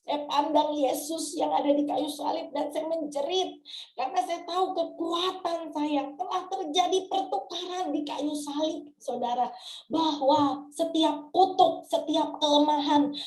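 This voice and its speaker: A middle-aged woman pastor tells her story from the pulpit with deep emotion, calling out to her listeners as she goes. Her voice sits high but mellow. The room around her rings with echo. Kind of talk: sermon testimony.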